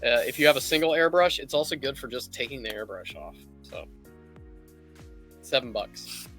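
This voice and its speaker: Animated and bright, with a pushed quality, this mid-range male voice keeps a moderate pace. He hosts a painting tutorial livestream, chatting casually and explaining things easily while music plays behind him.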